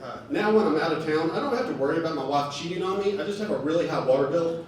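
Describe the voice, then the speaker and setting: A man doing a stand-up comedy set in a bar, telling stories with deadpan delivery. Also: on the high side, quick pace, over a noisy crowd. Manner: deadpan storytelling with acted quotes. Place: bar stage with laughing audience. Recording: echoey bar room from far off, noisy.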